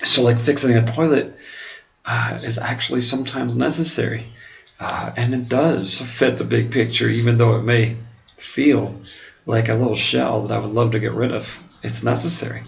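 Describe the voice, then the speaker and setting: An American pastor and seminary student answers questions in a reflective monologue to camera, speaking earnestly and haltingly with a mouth swollen from oral surgery, as if numb from the dentist. His mid-range voice keeps a steady tone, and the lo-fi home video is dull and clearly noisy.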